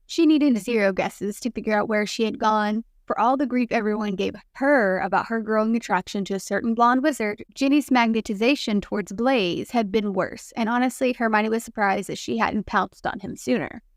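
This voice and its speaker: A woman's voice: fairly high pitch, normal speed, hardly any pauses, no room sound, clean studio sound. Woman narrating a fanfic audiobook.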